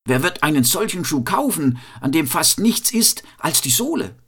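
A man voicing a cantankerous, fault-finding master shoemaker, scolding in a high nagging tone in a fairy tale reading. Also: big pitch swings, moderate pace, fairly bright tone. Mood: outraged.

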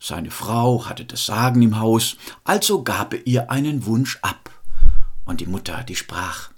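A man telling a fairy tale in a lively, expressive storytelling style. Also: on the low side, measured pace, breathy edge.

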